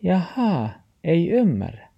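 A man voicing a gruff, grumpy dachshund in a storybook reading, with a Tornedalian Meänkieli accent and snappy retorts. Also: wildly swooping pitch, highs cut off, heavily acted. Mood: puzzled. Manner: snappy, high yapping retorts.

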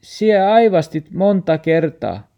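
A man's voice: high voice, very animated, dark tone, voice pushed up. A man reading a storybook, voicing a timid, sad young pet dog in a small worried voice.

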